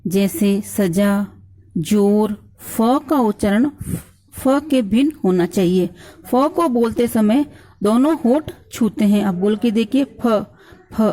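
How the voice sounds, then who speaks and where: A woman's voice: medium pitch, dark tone. A woman teaching a school grammar lesson, spelling words out sound by sound and answering her own questions for the children. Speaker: Hindi teacher.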